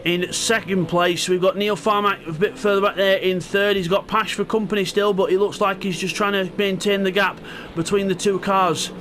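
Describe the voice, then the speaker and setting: A man's voice: high voice, fairly even intonation, moderate pace, fairly bright tone, a little hiss or hum. A man giving live play-by-play motorsport commentary on an online sim racing event. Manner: play-by-play calling of the on-track action.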